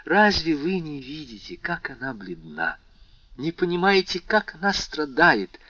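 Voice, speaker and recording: A man's voice: on the high side, big pitch swings, a little slow, sharp tone, no echo, highs cut off, pitched above the performer's own voice, full character voice. A man reading an audiobook, voicing a compassionate young woman who speaks in anguished exclamations.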